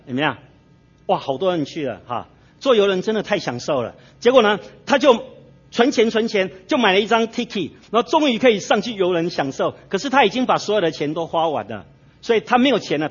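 A pastor with a high-pitched, slightly rough voice preaches to his church, storytelling with frequent tag particles and prompting the congregation to complete his sentences. It is a dull lo-fi sermon recording.

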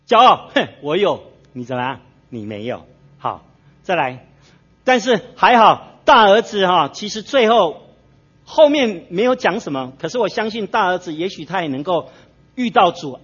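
Pastor guy preaching, pretty high voice, asks the crowd to finish his lines, dull lo-fi recording. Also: big pitch swings, normal speed, a bit bright, husky. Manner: fill-in-the-blank questions to the congregation; storytelling with frequent tag particles. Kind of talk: sermon.

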